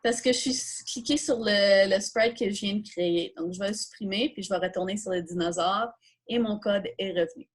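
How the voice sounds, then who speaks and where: A woman with a Quebec French accent runs a casual, step-by-step coding tutorial, speaking fairly quickly at a medium pitch. She thinks out loud, asking herself questions and then answering them as she explains.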